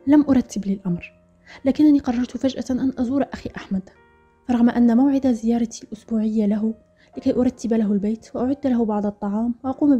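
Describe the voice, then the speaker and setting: A woman narrating a story in a brisk, earnest storytelling manner. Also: fairly high pitch, dark tone, husky. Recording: dull lo-fi audio with faint music. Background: faint music.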